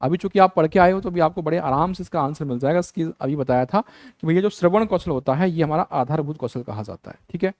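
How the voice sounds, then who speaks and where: A man runs an exam-prep lecture in a fairly high voice, heard dry and close with no room sound. He keeps repeating the key terms and throws rhetorical questions at his students. He casually mixes English words into his teaching. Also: fast, hardly any pauses, darkish tone, no echo.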